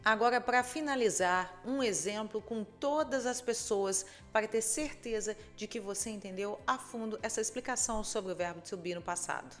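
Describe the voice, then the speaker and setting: A woman from Brazil teaching an English grammar lesson, saying each model sentence slowly and clearly. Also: medium pitch, faint music behind. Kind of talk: slow spoken grammar lesson.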